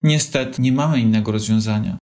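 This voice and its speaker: A man voicing a calm, kind female mouse doctor who reassures a sick child. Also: lowish voice, a little fast, close to an everyday voice. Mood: reassuring. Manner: steady, reassuring.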